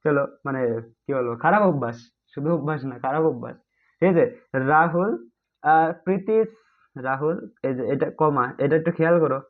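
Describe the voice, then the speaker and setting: Male online tutor, slightly high voice, casual and chatty, thin phone-line audio. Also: fairly quick. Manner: chatty, keeps asking "ঠিক আছে?"; addresses students as "bhai", mixes English terms. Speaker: grammar teacher. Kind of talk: online exam-prep class.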